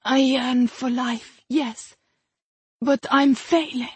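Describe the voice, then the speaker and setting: A woman's voice: sits high, steady tone, slow, breathy edge, no room sound, pitched above the performer's own voice, full character voice. A woman voicing a wounded, dying male warrior who speaks in a faltering, strained way. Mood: weak. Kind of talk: audiobook character voice.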